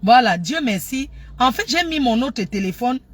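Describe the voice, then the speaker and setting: A woman chatting loudly and animatedly to her viewers during a livestream. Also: a little high, normal speed. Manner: loud, animated storytelling. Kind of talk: casual live chat. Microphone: phone.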